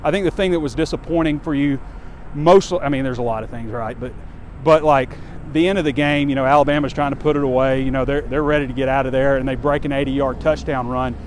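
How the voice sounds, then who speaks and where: Fast and with few pauses, this medium-pitched man keeps a fairly even intonation as he gives candid, rambling sports commentary with fillers. He's a sports site publisher in his forties, walking outdoors on a campus street near a stadium with a phone camera held close, and faint street noise is present.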